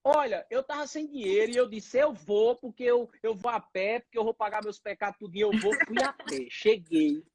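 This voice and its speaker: A pediatrician from Northeast Brazil, appearing as an interview guest, tells his own story and acts out the voices of the people in it. His voice sits high and moves at a moderate pace with hardly any pauses. There's no room sound.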